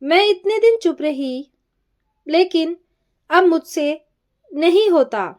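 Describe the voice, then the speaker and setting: A woman's voice: very high-pitched, lively intonation, takes it slowly, a little mellow, exaggerated voice. A woman voicing an angry older mother-in-law who scolds in a raised voice while reading a story. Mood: angry, scolding.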